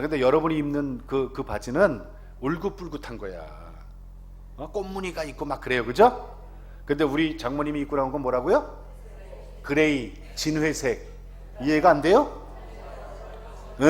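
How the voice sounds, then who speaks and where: A man in his fifties, an announcer, giving a lively testimony to a congregation and often asking the audience questions. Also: on the high side, normal speed.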